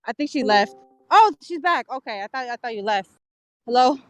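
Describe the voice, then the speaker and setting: A woman's voice: fairly high pitch, animated, moderate pace, soft background music. A woman hosting a livestream chat, casual and agreeable, with loose talk and some swearing. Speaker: livestream host.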